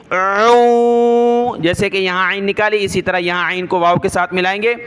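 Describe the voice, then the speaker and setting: Guy teaching quran reading, high clear voice, goes slow, spells every syllable then stretches the words out. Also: fairly even intonation, fairly bright tone. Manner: patient, repeats each syllable, stretches recited words. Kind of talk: spelling out and reciting verses slowly.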